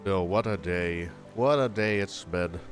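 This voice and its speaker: A man's voice: deep voice, measured pace, soft background music. A young adult man streaming a game, chatting casually and upbeat, laughing easily as he talks to his viewers. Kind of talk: casual live game commentary.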